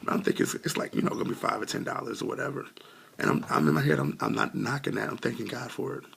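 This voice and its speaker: A man's voice: medium pitch, big pitch swings, fast, vocal fry, a bit bright, husky. A man telling a heartfelt personal testimony in a casual way, with many fillers, close to tears and still coughing a little. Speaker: vlogger sharing a testimony.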